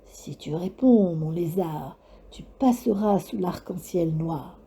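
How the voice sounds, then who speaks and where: A woman voicing a cruel, taunting, ancient skeletal witch in a storybook reading, slow and mocking in a sing-song way. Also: lowish voice, mellow, slightly rough, heavily acted. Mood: whispering.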